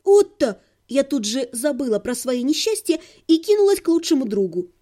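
A woman's voice: high voice, sing-song, brisk, dark tone. A woman reading a humorous fantasy audiobook in the first person, with a wry, ironic manner. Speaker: audiobook narrator.

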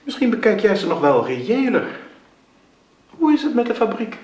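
A man's voice: high voice, big pitch swings, darkish tone, highs cut off. Haughty, sardonic man, old radio show. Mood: wry, mocking. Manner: theatrical, mocking, deliberate phrasing. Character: sardonic, haughty wealthy brother with a biting wit. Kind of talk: old Dutch radio drama acting. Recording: roomy old radio drama recording.

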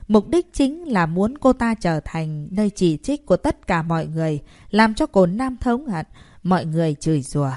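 A woman reading a dramatic novel aloud as narrator, in a steady storytelling voice. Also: on the low side, no echo, studio quality. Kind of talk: audiobook narration.

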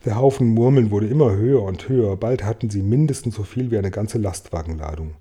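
A man reading a children's storybook aloud in a calm, measured way. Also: fairly low pitch, slightly rough. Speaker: audiobook reader. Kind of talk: storybook narration read aloud.

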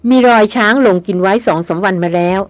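A woman narrating an adventure novel in a steady storytelling read. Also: mid-range voice, quick pace, no echo. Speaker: audiobook narrator. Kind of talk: scripted narration.

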